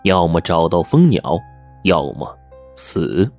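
A scheming spy chief in his middle years, as a male storyteller acts him out. The voice is low and husky, pressing his point with lively swings in pitch. Soft music hums beneath. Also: fairly quick, exaggerated voice. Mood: menacing. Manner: urgent, pleading then cold.

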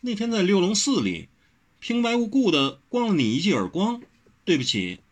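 A proud, quick-tempered young heroine from a martial-arts audiobook, voiced by a man. She teases with a lifted, lively voice that has a husky edge. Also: sits high, pitched above the performer's own voice, full character voice. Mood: apologetic. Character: spirited proud young woman, wuxia heroine.

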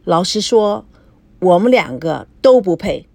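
A cocky young man who keeps needling his friend, as a woman reads him out. His lines swing lively up and down, recorded dry and close. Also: fairly low pitch, a little slow, gravelly, no room sound, heavily acted. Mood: teasing. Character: smug, teasing young man, a sly friend.

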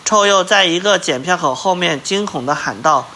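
A man reads a children's picture book aloud in a slightly high, bright, forceful voice. He breaks off now and then to put simple questions to his young listener. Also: expressive, moderate pace, a little hiss or hum. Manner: stops to ask the listener questions. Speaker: storyteller reading to a child.

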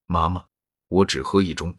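A man reading the lines of a playful, coaxing young nobleman in his own low, husky voice. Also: moderate pace, no echo, clean studio sound. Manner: read in the narrator's own voice.

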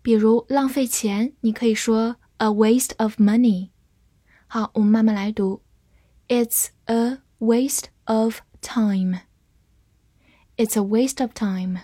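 Slow, breathy woman teaching English words. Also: on the high side, steady tone, warm tone, no room sound, clean studio sound. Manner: slow, deliberate spelling and repetition of English words. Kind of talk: scripted vocabulary lesson.

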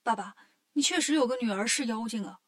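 A woman's voice: on the high side, brisk, fairly bright tone. A woman voicing an earnest young boy prince in a children's story, patiently explaining.

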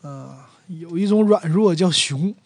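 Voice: mid-range voice, measured pace, a little mellow. A speaker from Northeast China with a Northeastern Mandarin accent, casually explaining local words and acting out sample phrases. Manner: chatty, acts out everyday sample phrases. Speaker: dialect explainer.

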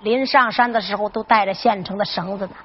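A woman narrating a traditional Henan zhuizi folk story in a lively spoken-sung manner. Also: mid-range voice, fairly quick, slight background noise. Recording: dull lo-fi recording.

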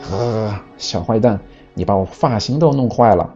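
A man voicing a kindly grown female lioness in a storybook, speaking in a gentle, reassuring way. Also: lowish voice, unhurried, lo-fi sound, faint music behind.

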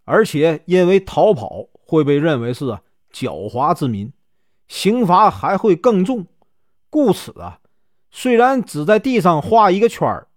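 A man's voice: on the high side, no echo, studio quality. A male storyteller with a Northeastern Mandarin accent, telling a classic tale in a chatty, folksy way. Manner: chatty, many drawn-out filler particles.

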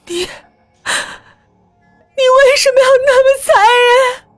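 A woman's voice: very high-pitched, fairly quick, sharp tone, no room sound, soft background music, pitched above the performer's own voice, exaggerated voice. A woman voicing a distraught young male doctor who speaks in a trembling, pleading voice.

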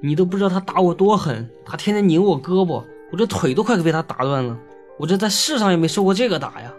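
A man's voice: high-pitched, animated, quick pace, faint music behind, pitched above the performer's own voice. A wronged young woman's ghost, weeping and resentful, as a male storyteller puts her on. The voice climbs well above his own and carries a strained, sobbing edge. Her complaints come out in long, wailing lines in a storybook telling.

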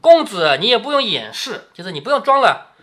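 A man reading aloud and voicing a haughty male official who sneers and presses his demands, somewhat louder than his storytelling voice. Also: high voice, sing-song, fairly quick, heavily acted. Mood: sneering. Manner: cold, pressing, mocking.

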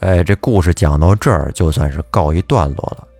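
A man narrating a folk ghost story on a podcast in a chatty, lively way, with asides to his listeners. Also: deep voice, a little fast, no echo, soft background music.

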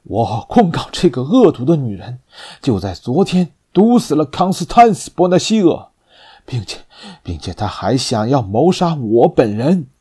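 A man's voice: medium pitch, very animated, normal speed, warm tone, slightly rough. Agitated young swordsman, raised and stammering, voiced by a male reader. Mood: accusing. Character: young hot-headed swordsman accusing.

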